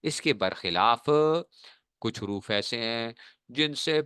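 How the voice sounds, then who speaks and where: A male teacher giving a classroom lesson, often checking whether students have understood and drawing out example words slowly. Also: medium pitch, lively intonation, sharp tone, clear, resonant tone, no echo, clean studio sound.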